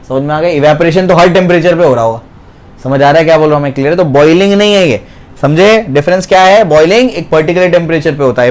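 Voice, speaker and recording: Male chem teacher, bit high voice, keeps asking "clear hai?" and answering his own questions. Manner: repeats questions and answers them himself, keeps checking understanding; uses everyday home examples. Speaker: chemistry teacher. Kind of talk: classroom lecture.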